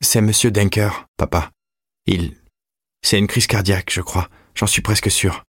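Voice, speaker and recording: A man's voice: fairly low pitch, steady tone, a little slow, a bit bright, breathy edge, no echo, voice pushed up, heavily acted. Man doing a strained teen boy, tense raised voice, dry close sound. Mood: anxious. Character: frantic teenage boy under strain. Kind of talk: audiobook character voice.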